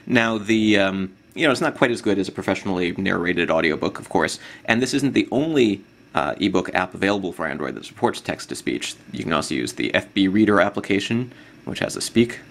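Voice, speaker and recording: A man giving a relaxed, casual product demo of an app, with plenty of fillers. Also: low voice, fairly quick, creaky. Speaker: tech blogger demonstrating an app.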